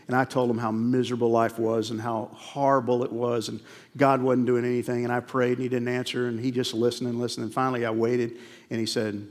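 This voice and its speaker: A man's voice: mid-range voice, fairly quick, big-room sound. A man preaching a sermon, telling a personal story and acting out both sides of the conversation. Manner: animated storytelling, acts out dialogue. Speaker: pastor.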